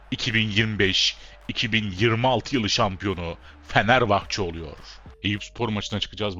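A man giving casual, excitable play-by-play of his football management game, urging and scolding the players. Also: low-pitched, dull audio. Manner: excitable, shouts at players, mutters asides. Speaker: gameplay commentator.

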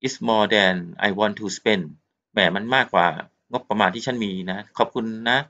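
Speaking at a measured pace, a man with a fairly low, bright, forceful voice delivers a recorded textbook English lesson. He's from Thailand, has a Thai accent, mixes Thai and English in his explanations, and keeps repeating polite particles; the audio is muffled and lo-fi.

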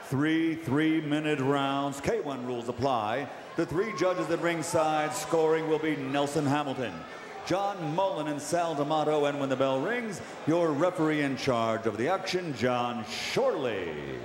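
A man announcing the fighters in a drawn-out, booming ring announcer style in a large arena. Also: background noise. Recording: echoey arena hall, roaring crowd.

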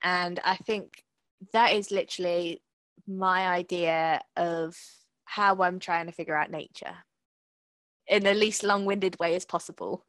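A woman talks about her art over a video call, slow and unhurried, thinking aloud as she goes. Her speech wanders and fills pauses with ums. The sound is dry and close. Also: on the low side, steady tone, a bit bright, dry recording. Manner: reflective, rambling, many fillers and laughs. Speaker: podcast co-host and artist. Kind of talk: casual talk about her artwork.

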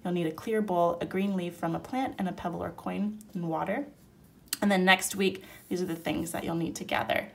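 A homeschool curriculum reviewer flips casually through a product at an indoor table, filmed by an overhead camera showing only her hands. She has a cold, so her fairly low, gravelly voice sounds sick and nasal. She talks fairly quickly in a relaxed, chatty way, explaining things step by step.

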